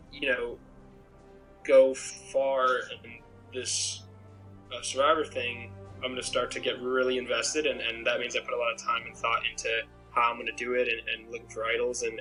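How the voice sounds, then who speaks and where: In a rough recording from a laptop webcam call, a young man from Maine speaks in a sharp, mid-range voice. He is a game contestant in a pregame interview from a small bedroom, talking about himself reflectively, rambling and frequently starting over.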